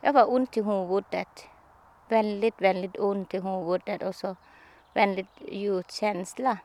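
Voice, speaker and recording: Being interviewed, a woman recounts a personal experience in halting, simple sentences, often restarting. Her medium-pitched voice is a little mellow with fairly even intonation.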